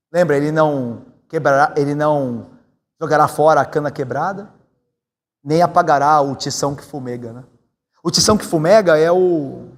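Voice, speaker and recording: A man from Brazil, a pastor preaching a sermon in a conversational way, often tagging his points with quick questions to the congregation. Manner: conversational, tag questions, animated swings in pitch. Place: church sanctuary. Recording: church hall with long reverb.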